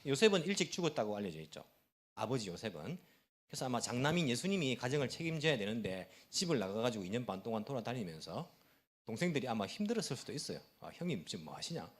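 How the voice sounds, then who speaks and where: A middle-aged man preaching a Sunday sermon as pastor of a church, quick and lively, asking the congregation questions and answering them himself. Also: mid-range voice. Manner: fast-talking, self-aware, chuckles at himself. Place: church sanctuary.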